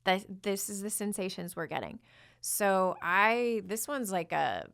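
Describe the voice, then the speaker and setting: A woman hosts a spiritual podcast in a mid-pitched voice, talking in loose, rambling sentences full of restarts. She often drops into hushed, breathy passages and flowing chants of invented syllables before chatting on again. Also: measured pace. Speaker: podcast host, spiritual channeler. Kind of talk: casual spiritual guidance with channeled chanting.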